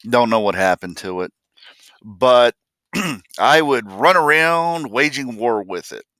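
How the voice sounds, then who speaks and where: An older vlogger from Columbus, Ohio, USA, tells a family story in a folksy, blunt way, acting out the voices of the people involved. His medium-pitched voice is animated, slow, bright and forceful, with clean studio sound and no echo.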